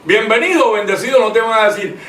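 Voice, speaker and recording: High-voiced man preaching in echoey room. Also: fairly bright tone. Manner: emphatic, reads scripture aloud slowly. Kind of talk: preaching in conversation. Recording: echoey room, mic at a distance, faint noise.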